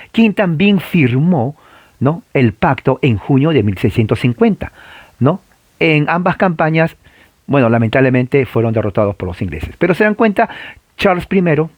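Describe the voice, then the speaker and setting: A man's voice: medium pitch, a little mellow, no echo. A man lecturing on church history, who stresses and repeats key points, often tags on "eh" and "¿no?", and has his listeners repeat after him. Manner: frequent filler "eh" and tag questions.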